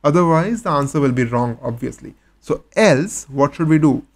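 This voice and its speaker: A man's voice: fairly high pitch, expressive, moderate pace. A man teaching a step-by-step coding tutorial, patiently posing questions and then answering them himself. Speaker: coding instructor. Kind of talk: screen-recorded coding tutorial.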